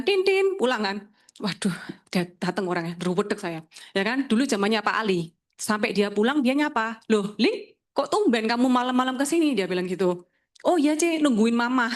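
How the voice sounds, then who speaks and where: A woman, an insurance agent telling her own story in a lively talk and acting out the dialogue. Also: fairly high pitch.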